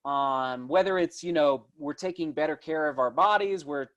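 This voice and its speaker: A man in his thirties with a voice pitched a little high. He speaks as a guest in a casual interview. His delivery is enthusiastic and rambling, with thoughts often broken off and picked up again. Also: normal speed, fairly bright tone. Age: 30s. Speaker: interview guest, distance runner and vlogger.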